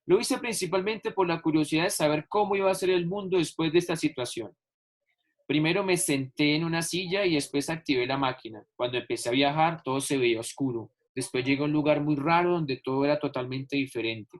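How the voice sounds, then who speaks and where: Patient male teacher stressing words slowly. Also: a little high. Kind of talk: online class explanation.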